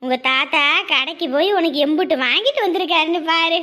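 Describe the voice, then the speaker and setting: An actress playing a village grandmother, coaxing and gently scolding a child. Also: extremely high pitch, fast talker. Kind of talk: village family drama.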